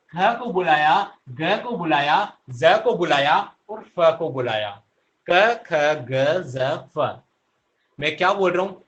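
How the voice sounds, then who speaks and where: Male teacher, high bright voice, slow delivery, drills the class with repeated questions. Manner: answers his own questions. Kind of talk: online class lesson.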